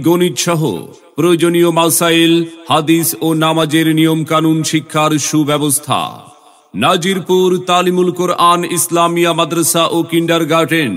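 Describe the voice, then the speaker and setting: A man delivers a scripted promotional announcement in a formal, measured way. His voice sits a little high and stays on a very even pitch, pressing each phrase with emphasis. Light music plays behind him. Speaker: announcer for a school admission advert.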